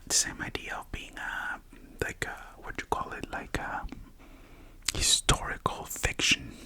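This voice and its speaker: Hushed as in a library, the whisper belongs to an ASMR performer acting as a librarian. The explaining comes out halting and soft, with frequent self-corrections.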